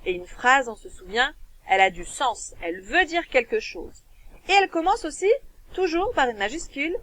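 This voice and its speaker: A woman with a French accent, teaching a recorded dictation lesson to children, dictating slowly and splitting words into syllables. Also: high voice, big pitch swings, fairly bright tone, low-quality recording. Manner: slow, clear dictation, stretching words and syllables. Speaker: primary school teacher.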